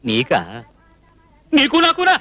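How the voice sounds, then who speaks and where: An actor playing a fussy, excitable young male cook in a dubbed film comedy, scolding in rapid, animated patter. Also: very high voice, no room sound, muffled recording, exaggerated voice. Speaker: film character.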